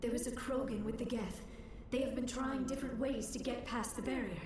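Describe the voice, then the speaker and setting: A woman's voice: a little high, fairly even intonation, fairly quick, a little mellow, natural voice. An actress playing an anxious, earnest young female alien scientist in a video game, speaking in careful formal words. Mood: worried, explaining. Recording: echoey, distant game audio with noise.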